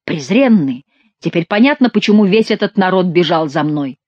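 A woman's voice: on the low side, expressive, normal speed, a little mellow, no room sound, lo-fi sound. A woman voicing a hot-tempered young male courtier who curses angrily. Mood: furious. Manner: angry, cursing.

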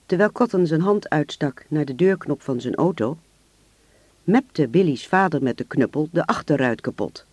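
A man narrating a radio-drama story in a steady, measured way. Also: fairly high pitch, no echo.

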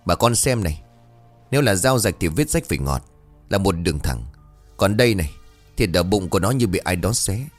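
Guy doing a sure-of-himself village watchman, low and firm. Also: lively intonation, brisk, soft background music. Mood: assured. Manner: firm, explaining.

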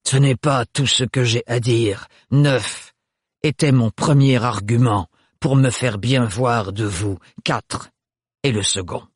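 A man voicing a cold, blunt young man who speaks in a flat, neutral tone, from a storybook audiobook. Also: medium pitch, breathy edge, no echo, studio quality. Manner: flat, neutral, unhurried delivery.

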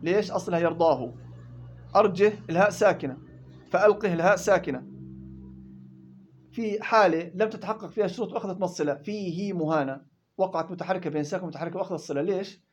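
A man teaching tajweed rules in a classroom lesson, explaining quickly and chanting verse examples in between. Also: sits high, slight background noise. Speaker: Quran recitation teacher.

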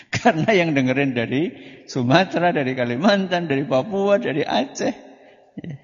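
A man preaching, his high voice rising and falling widely as he poses questions and answers them himself with humor. He talks slowly, shifting from loud to soft. The recording is dull and lo-fi, with a long reverb from the hall. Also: expressive. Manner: swings between loud and soft delivery. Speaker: Islamic preacher. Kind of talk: religious study lecture.

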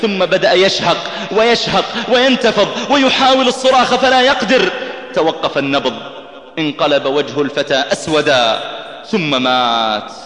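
A man delivers an impassioned sermon in a somewhat high voice, his storytelling climbing tense and urgent at the dramatic peaks. He breaks into melodic chanted recitation of scripture. The sound carries the long reverb of a large hall. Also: moderate pace, fairly bright tone. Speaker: preacher.

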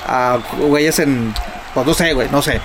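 A man with a Mexican accent bantering casually and excitably, full of slang and repeated phrases. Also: mid-range voice, unhurried. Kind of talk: casual banter, mock fight commentary. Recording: clear background noise.

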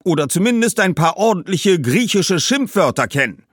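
A man's voice: high-pitched, big pitch swings, normal speed, husky, no echo, clean studio sound, pitched above the performer's own voice, heavily acted. A man voicing the ghost of a cheeky Greek merchant who talks in a bossy, teasing, raised voice.

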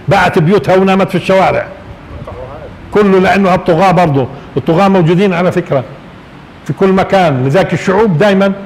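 A man gives a religious lecture to a live audience, asking rhetorical questions and often chuckling. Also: high voice. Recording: reverberant hall with faint noise.

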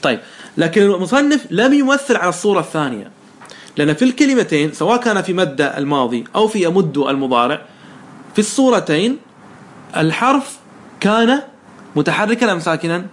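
In a brisk, high voice with big pitch swings, a man tutors a single student in Arabic morphology. He asks questions patiently and praises each answer.

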